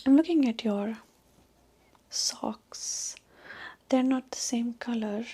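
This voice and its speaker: A woman's voice: a little high, takes it slowly, slightly rough. A woman whispering in an Indian accent as a chatty, boastful young Indian woman on a marriage date, in an ASMR roleplay. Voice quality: soft whisper. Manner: boastful, gossipy, rambling.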